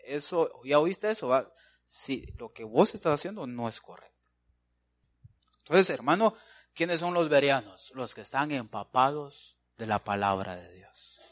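A man preaching a folksy sermon, calling listeners brother and answering his own questions. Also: fairly high pitch.

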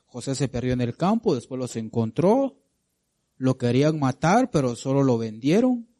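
A man preaching a sermon to a congregation, calling them brother and sister, asking them questions, swinging between loud climbs and soft drops. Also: medium pitch, big pitch swings, moderate pace. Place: church congregation.

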